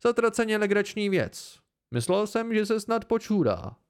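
A man's voice: high voice, sing-song, clear, resonant tone, voice pushed up. A man voicing an amused patron at a bar telling gossip.

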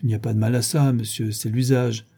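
A man's voice: medium pitch, little pitch movement, fairly quick, mellow, husky, close to an everyday voice. A man voicing a nosy, self-important old male porter who talks in a prim, fussy way. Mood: gossipy. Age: older.

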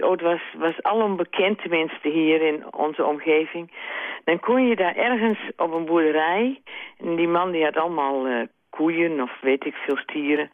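A woman's voice: low-pitched, dry recording. A middle-aged woman from the eastern Netherlands, calling into a radio show and telling a rambling anecdote. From Liemers, eastern Netherlands. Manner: chatty, rambling storyteller. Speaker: caller. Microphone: telephone. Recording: tinny phone line.

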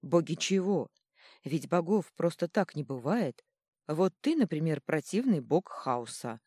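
A woman's voice: deep voice, big pitch swings, a little slow, warm tone, breathy edge, no room sound, studio quality, full character voice. A woman doing a grumbling old stone troll. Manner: grumbling, blunt. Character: gruff ancient male stone troll.

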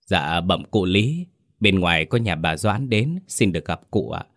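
A man's voice: deep voice, lively intonation, unhurried, fairly bright tone, dry recording, studio quality, exaggerated voice. A man voicing a poor, timid male servant who speaks humbly. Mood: humble. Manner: humble, surprised.

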